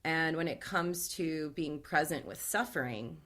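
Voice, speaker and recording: Low-pitched lady on a podcast, calm and measured, explaining stuff slowly and clearly. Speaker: trauma awareness guide, podcast guest. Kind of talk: casual podcast conversation.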